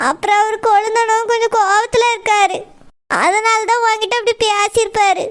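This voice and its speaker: A woman voicing a tearful, gentle young daughter-in-law. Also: very high voice, level tone, moderate pace. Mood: soothing, tearful. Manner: soft, pleading and sobbing. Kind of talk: village cartoon voice acting.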